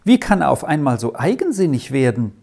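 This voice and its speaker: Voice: mid-range voice, very animated, brisk, creaky, a little mellow. A reader voicing an insistent, well-off lady traveler who scolds and commands in an audiobook story. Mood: annoyed. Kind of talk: audiobook reading.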